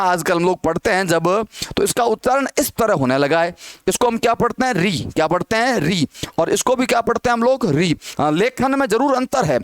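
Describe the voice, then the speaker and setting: Male Hindi teacher, high-pitched, dry close recording, asks and answers his own questions, drills pronunciation. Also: no room sound. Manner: asks the class questions and answers them himself; repeats words slowly to model pronunciation. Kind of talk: classroom grammar lesson.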